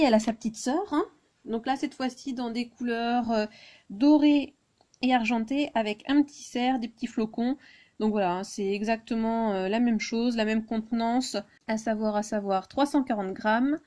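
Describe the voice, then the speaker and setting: Woman doing a haul video, bit high voice, soft mellow tone, lots of umms. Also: normal speed. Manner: chatty, many hesitations and fillers. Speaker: YouTuber presenting a shopping haul. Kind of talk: casual haul video chat.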